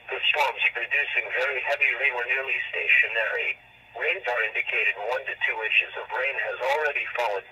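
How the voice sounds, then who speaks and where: Brief: text-to-speech man heard over a weather radio, crisp bright tone, faint background hiss. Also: medium pitch, distant mic, low-quality recording. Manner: even, mechanical text-to-speech delivery. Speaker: automated weather radio announcer. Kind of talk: automated weather bulletin readout.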